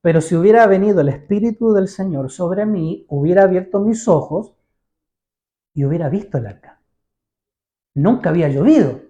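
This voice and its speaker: A man's voice: high voice, lively intonation, normal speed, pauses often, warm tone. A man preaching a sermon in a church. He speaks conversationally, keeps asking his listeners questions and acts out the voices of the people in his stories. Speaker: pastor.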